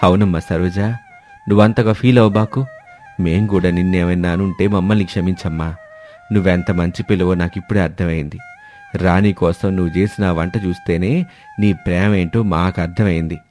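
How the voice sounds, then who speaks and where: A man voicing a hungry, complaining old father-in-law in an animated story. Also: low-pitched, a little fast, faint music behind, pitched below the performer's own voice, natural voice. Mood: tender. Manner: whiny complaining, fearful asides.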